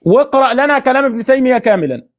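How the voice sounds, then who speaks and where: Brief: Egyptian-accented man, high voice, rapid-fire, badgering his opponent. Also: animated. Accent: Egyptian Arabic. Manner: insistent, repeats his question, taunting. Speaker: debater. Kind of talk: heated religious debate.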